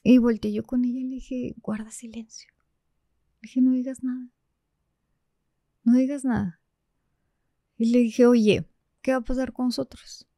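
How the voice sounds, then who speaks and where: A woman with a Mexican accent, a podcast guest telling a personal story in an animated way that drops to a hush when she quotes others. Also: on the high side, moderate pace, long pauses, no room sound, studio quality.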